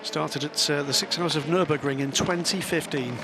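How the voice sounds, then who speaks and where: A man doing live motorsport commentary with a halting delivery. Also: on the high side, steady tone, loud music behind the voice. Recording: very loud car and outdoor noise. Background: race cars.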